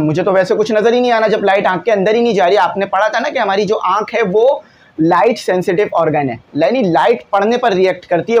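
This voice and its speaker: A man's voice: high-pitched, a little mellow. A male teacher, patiently explaining exam answers in a classroom lesson and often checking in with his students. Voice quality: glasses wearer.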